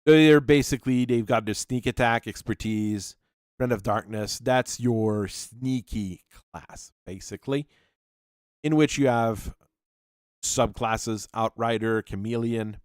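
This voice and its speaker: Building a tabletop game character, the channel host thinks out loud and reads the rules in a halting, musing way. His middle-pitched voice is smooth, close, and dry, with no room sound at all.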